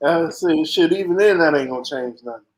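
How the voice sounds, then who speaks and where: A man's voice: fairly high pitch, brisk, rough recording. A man co-hosting a casual boxing chat, throwing in profane, laughing side comments. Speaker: podcast co-host.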